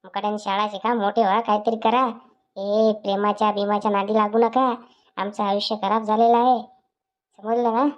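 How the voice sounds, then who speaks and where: A woman's voice: mid-range voice, flat delivery, lo-fi sound, lightly acted. A woman voicing a grumpy grown village man. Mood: preachy advice. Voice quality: scolding, coarse, rapid grumbling.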